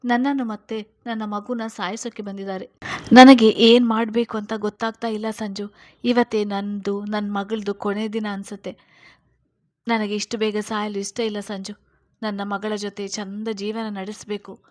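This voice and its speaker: A desperate young mother sobs out her fears , voiced by a woman narrator. Her lines come louder and a touch higher than the narration, yet the pitch stays within a narrow band. It sounds like a dramatized audio story. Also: level tone, moderate pace, natural voice. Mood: terrified. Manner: sobbing, pleading.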